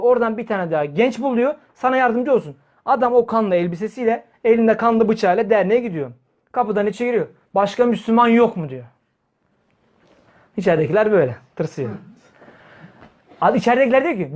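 Heated man preaching a sermon. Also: very high voice. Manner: heated, blunt, acts out quoted dialogue.

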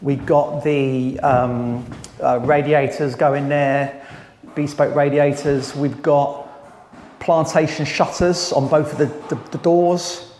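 Giving a casual walkthrough, a renovation site manager in his thirties briskly lists the work room by room, item by item, in a matter-of-fact manner. His darkish voice runs on the high side with fairly even intonation, and there's slight background noise. The empty house has bare plastered rooms, and he's filmed indoors from a few meters by someone else's wide-angle camera.

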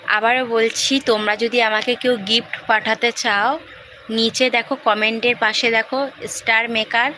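Soft-spoken woman live-streaming. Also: on the high side, flat delivery, unhurried, slight background noise. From Hooghly, West Bengal, India. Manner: speaks softly while her son sleeps. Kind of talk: casual live-stream chat reading comments.

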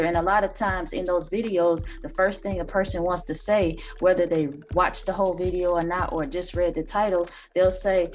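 An earnest woman in her thirties delivers a lecturing commentary, her voice sitting a little low for a woman. She talks to a phone or webcam in a small room, with faint music underneath. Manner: earnest, lecturing, with filler ums. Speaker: reaction channel host. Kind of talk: commentary on a reacted video.

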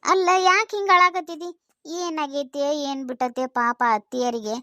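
A young village daughter-in-law, played by a woman, who speaks to her elders in a pleading, respectful way with a North Karnataka Kannada accent. Her voice is very high, and the recording is dry with no room sound. It comes from a homemade village comedy skit. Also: lively intonation, moderate pace, bright, forceful tone, no room sound. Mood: soothing.

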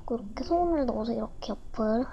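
A teenage girl with a fairly high voice talks through a casual home tutorial in a cutesy, chatty way. She often sinks into a soft near-whisper. A faint hiss sits under her voice. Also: quick pace, creaky, lo-fi sound. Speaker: vlogger.

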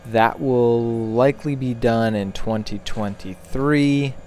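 A man's voice: medium pitch, slow, a little mellow, a little hiss or hum. A young man in casual vlog talk, explaining his plans while he works on a wooded lot, filming himself at arm's length. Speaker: homesteader and landscaper. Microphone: phone at arm's length.

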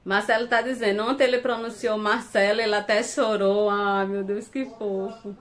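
A woman's voice: mid-range voice, little pitch movement, moderate pace. A woman hosting a casual live stream from home, reading viewer comments aloud and laughing often.

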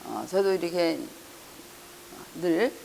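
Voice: mid-range voice, lively intonation, slow, creaky, darkish tone, a little hiss or hum. A pastor giving an earnest Sunday sermon, hesitating and correcting himself often, raising the voice when reading scripture. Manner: frequent hesitations and self-corrections. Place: church hall. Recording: long church hall reverb.

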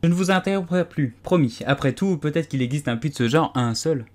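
A polite, curious young girl, as a man reads her in a storybook. Slightly raised in pitch and earnest, with a lively, pleading lilt. Quick to fluster. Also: natural voice.

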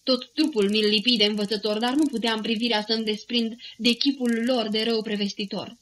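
A woman's voice: on the high side, a little hiss or hum, rough recording. Woman reciting epic verse. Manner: measured recitation, steady rhythm. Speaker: audiobook narrator. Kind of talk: scripted narration of epic verse.

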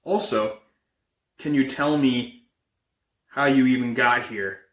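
Young male actor as an uneasy amateur ghost hunter for found footage horror: hesitant, unscripted delivery, sharp bright tone, echoey room. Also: medium pitch. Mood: uneasy, matter-of-fact. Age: young adult. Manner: halting, hesitant, casual. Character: uneasy young man investigating paranormal disturbances. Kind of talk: improvised found footage monologue. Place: indoors, bedroom and kitchen.

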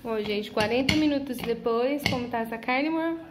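A young Brazilian woman hosts a casual cooking vlog from her home kitchen, filming her husband as he cooks. She chats straight to viewers while praising and prompting him, her voice a little high at a moderate pace, with background noise present.

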